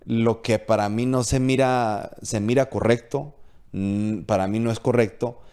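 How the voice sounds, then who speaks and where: A man's voice: mid-range voice, steady tone, a little slow, darkish tone, clean tone. A man co-hosting a casual faith podcast, speaking earnestly and confessionally, mixing English words into his Spanish and often restarting his sentences. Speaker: podcast co-host.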